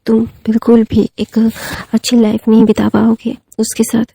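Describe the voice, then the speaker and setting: A woman voicing a bitter, vengeful schemer who speaks threats in a low voice, in a storytelling retelling. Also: monotone, moderate pace, vocal fry, warm tone, husky, no echo. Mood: threatening.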